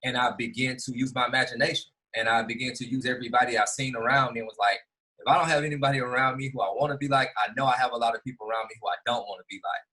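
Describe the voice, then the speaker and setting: A man's voice: medium pitch, steady tone, rapid-fire, pushed and bright, breathy edge, low-quality recording. A middle-aged man from Houston, giving an earnest motivational keynote speech with frequent fillers and restarts. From Houston, Texas. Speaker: keynote speaker.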